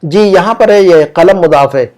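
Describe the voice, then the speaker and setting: A patient male grammar teacher with an Urdu-speaking accent works through an online lesson, slowly repeating example sentences and asking his students questions. His voice sits high and is a little mellow.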